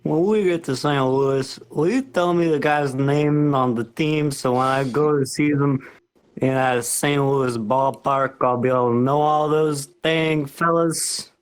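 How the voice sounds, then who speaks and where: A man's voice: mid-range voice, a little slow, clean tone, close to an everyday voice, low-quality recording. A man playing an eager, baffled, folksy baseball fan in an old-time radio comedy double act.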